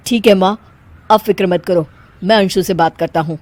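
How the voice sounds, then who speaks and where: A woman's voice: moderate pace, a little mellow, close to an everyday voice. A woman voicing an exasperated young husband. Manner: firm, lowered voice.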